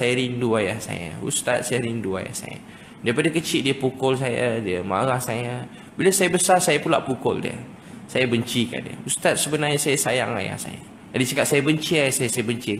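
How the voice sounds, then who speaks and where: Brief: male Malaysian preacher, rapid storytelling sermon, roomy hall sound with faint background noise. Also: mid-range voice, fairly bright tone. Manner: storytelling, acts out family voices. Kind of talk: sermon with anecdotes. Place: mosque lecture hall.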